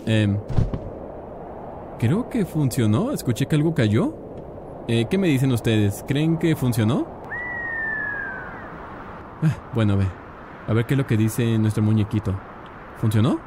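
A man casually commentating a game, chatty and excitable, talking to his viewers. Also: mid-range voice, unhurried, pauses often, background noise. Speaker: gaming youtuber. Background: game music.

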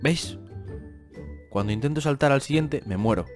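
A man's voice: medium pitch, normal speed, faint music behind. A young man with a Spain Spanish accent giving gameplay commentary, exasperated and complaining, with dramatic outbursts. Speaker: gaming youtuber.

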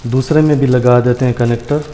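Talking fairly quickly in a dark, fairly even medium-pitched voice, this man hosts a casual hands-on tutorial, treating viewers as friends and explaining each step. His hands are at a granite counter indoors in a tiled room; the sound is echoey and noisy.

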